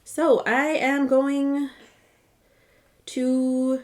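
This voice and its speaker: A woman's voice: sits high, level tone, extremely slow. A woman beauty vlogger casually walking through her chosen products, chatty and often correcting herself mid-sentence. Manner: chatty, self-correcting, rambling asides.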